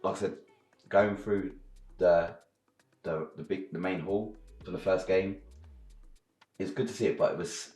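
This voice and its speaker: Low-pitched and steady, a British man shares his takes on films and games as a reviewer in an informal, slangy chat. He speaks unhurriedly, pausing often, with a darkish tone and a roomy sound.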